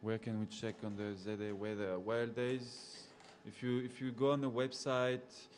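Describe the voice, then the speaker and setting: In a medium-pitched voice at normal speed, a safari guide with a French accent, from a French-speaking background, chats with his live audience. He reads comments out loud, answers people by name and laughs a lot, and a little hiss or hum sits in the recording.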